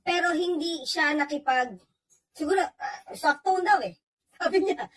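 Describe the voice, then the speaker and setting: A woman's voice: very high-pitched, a little slow, low-quality recording. A woman co-hosting a casual talk show, reading English passages aloud and commenting on them in Tagalog. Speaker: co-host.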